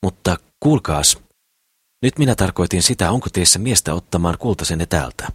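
A man's voice: sits low, lively intonation, breathy edge, dry recording, studio quality. A man voicing a gushing, affected woman in an audiobook, exclaiming and fussing. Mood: conspiratorial. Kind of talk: audiobook character voice.

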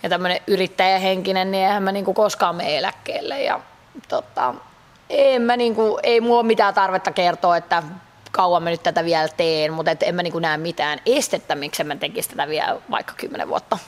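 A woman's voice: on the low side, steady tone. A woman in her thirties from Finland, a pole dance athlete answering interview questions in a chatty way with many fillers. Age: 30s. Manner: chatty, frequent fillers, laughs easily.

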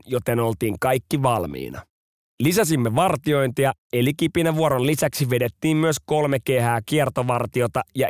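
A man's voice: mid-range voice, darkish tone, dry recording, studio quality. A man hosting a storytelling podcast, narrating in a casual, slangy way.

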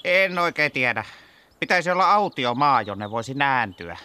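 A bleating mournful scapegoat. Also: male voice, mid-range voice, very animated, sharp tone, clean tone. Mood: resigned polite. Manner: bleats between sentences, politely resigned.

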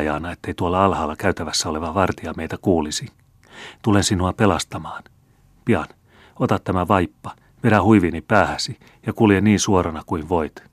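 A male narrator voicing a brave younger woman who gives hushed, quick instructions during a rescue. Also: sits low, no echo.

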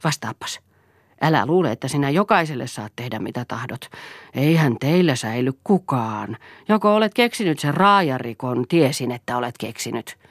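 Naisen esittämä kiivas, suorapuheinen nuori nainen. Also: female voice, very deep voice, animated, no room sound, clean studio sound. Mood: scolding. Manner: sharp, scolding and haggling. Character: fiery, blunt young woman, a former housemaid. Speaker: audiobook reader. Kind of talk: novel reading.

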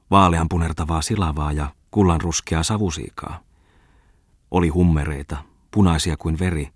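Low, husky male audiobook reader. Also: no echo, clean studio sound. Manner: calm, measured reading. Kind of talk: scripted narration.

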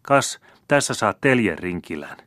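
A man voicing a wild, merry eight-year-old girl who shouts defiantly in an old storybook reading. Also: big pitch swings, no echo, studio quality. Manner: shrill and defiant.

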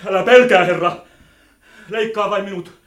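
A man's voice: high voice, fairly bright tone, echoey room. A man playing a devoted young male robot in a radio play, earnest and pleading.

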